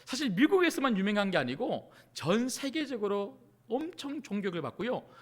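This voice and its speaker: A middle-aged man, a pastor, preaching a sermon to his congregation, asking rhetorical questions and dropping from loud cries to near-whispers. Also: high voice, sing-song, normal speed. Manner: acts out desperate pleas in quoted prayers.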